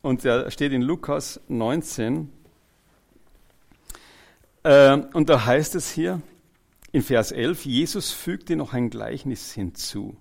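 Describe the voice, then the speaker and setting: Gravelly preacher, loud then hushed. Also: male voice, medium pitch, takes it slowly, pauses often. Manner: swings between loud exclamations and quiet, earnest asides; jokes with the congregation and retells scripture in everyday terms. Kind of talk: evangelical sermon.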